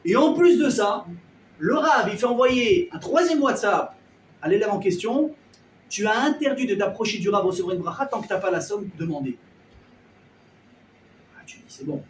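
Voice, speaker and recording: Man preacher with a high voice, lively storyteller playing each character; roomy, off-mic sound. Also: normal speed, pauses often, a little hiss or hum. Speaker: rabbi. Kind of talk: storytelling sermon. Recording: echoey room, voice a bit far from the mic.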